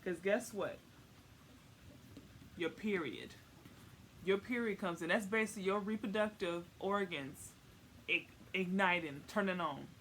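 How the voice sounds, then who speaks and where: A little slow and with long pauses, this young woman explains something comically in slangy, rambling vlog style, repeating words for emphasis. Her mid-range voice is a bit bright, and the home recording has faint noise.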